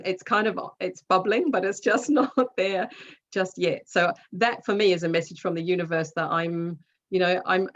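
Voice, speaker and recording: A woman with a New Zealand accent, a guest speaking slowly and gently about spiritual ideas over a recorded call. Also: lowish voice, lo-fi sound. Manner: slow, gentle, spiritual musing. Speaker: guest, author and colour healer. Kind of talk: reflective conversation on a call.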